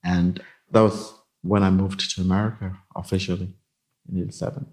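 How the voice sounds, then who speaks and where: A man in his fifties from Nigeria, a company executive answering interview questions in a measured, explanatory way. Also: low voice, little pitch movement, darkish tone. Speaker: guest, company CIO. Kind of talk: casual interview.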